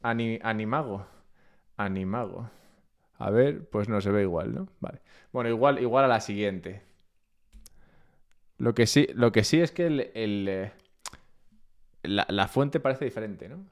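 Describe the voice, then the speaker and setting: Here a man from Spain speaks at a measured pace in a lowish voice, leaving long pauses. With his Spain Spanish accent, he rambles casually to his stream chat from home, relaxed and self-mocking.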